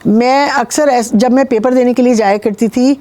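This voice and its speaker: A woman from Pakistan speaks as a guest healer in a sit-down interview. Her voice is mellow and warm, and she tells her story in a calm, measured way with frequent pauses. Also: fairly high pitch, slight background noise. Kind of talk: interview, recounting personal experiences.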